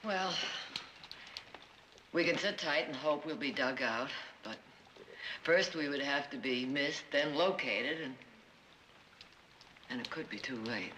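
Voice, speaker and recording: An American actress playing a resolute, level-headed middle-aged ranch matriarch in a vintage television western, speaking deliberately and with command. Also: female voice, deep voice, a bit bright. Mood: determined. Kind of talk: 1960s television western acting. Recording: echoey room, noisy old TV soundtrack.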